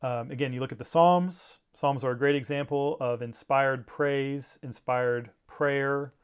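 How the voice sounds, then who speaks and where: A man's voice: mid-range voice, steady tone, measured pace, clear, resonant tone. A man teaching a Bible seminar in a conversational way, with frequent fillers and restarts.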